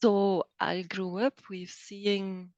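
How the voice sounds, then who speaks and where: A middle-aged woman from Belgium, speaking as an interview guest, thoughtful and hesitant with many pauses and restarts. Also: medium pitch, little pitch movement, a little mellow, no echo, lo-fi sound. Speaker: guest, coach. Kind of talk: interview conversation.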